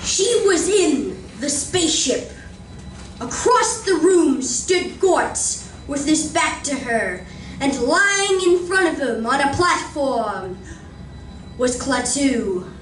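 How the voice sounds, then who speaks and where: A woman narrates a live radio drama in a library community room, standing some way from the microphone. Her high voice has animated intonation as she reads slowly, deliberately and theatrically, in a roomy, distant recording with faint noise.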